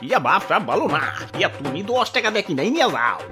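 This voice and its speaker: A woman voicing a fussy old grandmother shopper in a cartoon, pleading and soothing in a breathy voice. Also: on the low side, sing-song, quick pace, loud music behind the voice. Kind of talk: cartoon voice acting.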